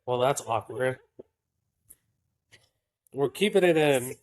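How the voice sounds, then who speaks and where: Raspy podcast co-host, dry joker, casual. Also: medium pitch, expressive, slow, darkish tone, slight background noise. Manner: dry jokey asides. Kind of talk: casual chat.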